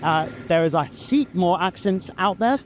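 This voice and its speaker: A man with a Received Pronunciation accent, rambling in a relaxed way while walking his dog outdoors. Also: sits high, a little slow, a little hiss or hum. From England. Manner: chatty, relaxed, with frequent ums and uhs. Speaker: vlogger. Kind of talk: casual explanatory ramble.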